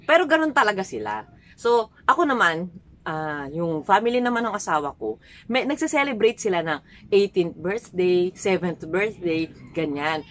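Filipina vlogger lady, chatty, keeps calling viewers guys, voice jumps up and down a lot. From Philippines. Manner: chatty, addresses viewers as guys, animated pitch swings. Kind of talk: casual vlog talk to viewers.

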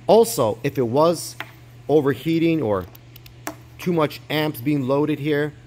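Slightly high yet dark in tone, a man's voice moves slowly through a casual crypto mining hardware tutorial, explaining each step. He's at an indoor desk filming his hands on a close-held phone, and a bit of hiss or hum can be heard.

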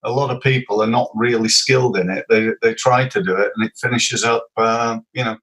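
A middle-aged male podcast host with an ordinary mid-pitched voice. He feels his way into each question, pausing on fillers and rephrasing as he goes. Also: fairly even intonation, a bit bright, poor audio. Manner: hesitant, searching questions with fillers. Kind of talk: casual interview.

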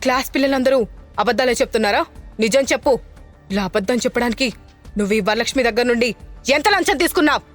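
A woman's voice: a little high, fast talker, faint music behind, close to an everyday voice. A woman voicing a protective young mother who speaks anxiously and confrontationally in an audio drama. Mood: angry.

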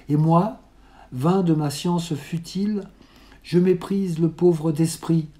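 A mellow, warm voice reads an old novel aloud at a measured, unhurried pace. The delivery stays literary and steady, with a middling pitch. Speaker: audiobook reader. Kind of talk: reading a classic novel aloud.

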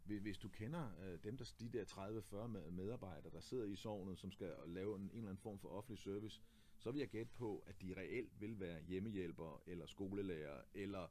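This deep, warm-toned voice belongs to a man in his forties, a candidate and host chatting about politics indoors at a clothing shop. He explains things earnestly, frequently starts his sentences over, and adds tag questions.

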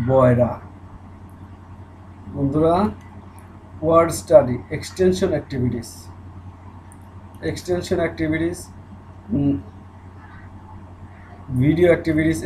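A male teacher works through a textbook, reading each line slowly before explaining it. His voice sits a little high and his pace stays leisurely. Faint background noise hums behind him. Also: fairly even intonation, darkish tone, rough recording. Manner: reads English lines slowly, then explains in Bengali. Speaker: English teacher.

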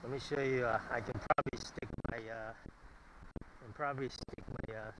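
A man filming himself fishing, talking in a halting way with many fillers and repeated words, recorded outdoors on a head-mounted camera. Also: mid-range voice, fairly even intonation, very noisy. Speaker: angler filming his catch. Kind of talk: casual fishing vlog narration. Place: outdoors at a pond bank. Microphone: head-mounted action camera.

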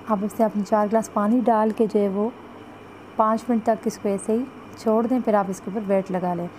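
She has a medium-pitched, mellow voice, recorded at low quality with a little hiss or hum. Cooking in her home kitchen, the Pakistani vlogger chats through the recipe step by step, pointing to the pot and repeating "jo hai" and "ye dekhein."

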